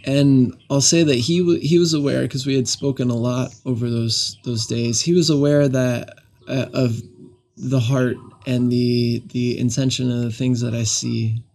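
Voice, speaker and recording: A man telling a personal travel story as an interview guest, thoughtful and unhurried, often saying "you know" and laughing softly. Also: medium pitch, steady tone, gravelly. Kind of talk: casual reflective storytelling.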